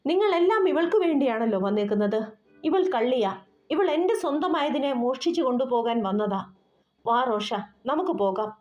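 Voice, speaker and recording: A woman's voice: high-pitched, animated, brisk. A woman voicing a possessive, unhinged young woman who talks in fierce threats, in an audio novel. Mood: possessive, frantic. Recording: roomy dull recording with soft music.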